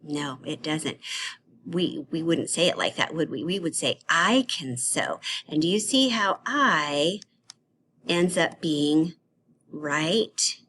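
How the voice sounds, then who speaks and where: A woman teaches young children grammar in a slow, unhurried way. She asks playful questions in a sing-song tone and praises their answers. Her voice sits a little low, with a faint hiss behind it. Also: animated, fairly bright tone.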